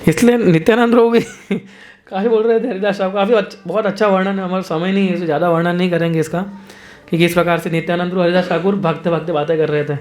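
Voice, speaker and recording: Brief: a high-pitched male preacher narrating a sacred tale, verse recitations and frequent laughter. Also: fairly even intonation, fast, darkish tone. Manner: chants verses, laughs often, rhetorical asides. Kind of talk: devotional storytelling sermon.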